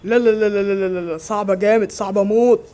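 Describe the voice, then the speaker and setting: A man with an Egyptian accent doing a comic sketch, excitable and yelling in panic. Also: high-pitched, fast, a little hiss or hum. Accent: Egyptian Arabic. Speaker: comedy sketch performer. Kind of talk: comic sketch on amusement park rides. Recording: loud music and crowd behind the voice.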